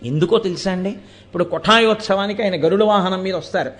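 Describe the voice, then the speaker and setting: A man's voice: high voice, fast, fairly bright tone. A man giving a live devotional discourse to an audience, asking rhetorical questions and quoting verses as he explains. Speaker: spiritual discourse speaker.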